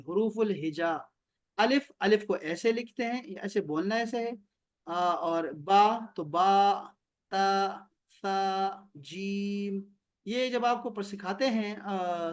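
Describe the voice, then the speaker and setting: High-voiced man teaching an online class. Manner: explains step by step, repeats key terms slowly. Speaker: Arabic teacher. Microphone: video call.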